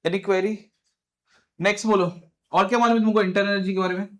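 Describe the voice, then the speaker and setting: Brisk high-voiced male physics teacher. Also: steady tone, a bit bright. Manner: brisk, quizzing students, informal address. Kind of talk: classroom lecture.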